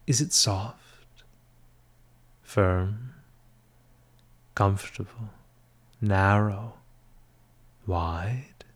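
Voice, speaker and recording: In a soft, breathy, half-whispered spa voice on the low side, a man guides a meditation. He is soothing and measured, leaving long pauses between short phrases.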